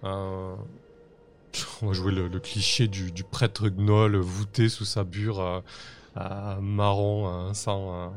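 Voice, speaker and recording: A man's voice: deep voice, flat delivery, takes it slowly, a little mellow. A man narrating a tabletop game as game master over an online voice call, hesitant and full of fillers and restarts.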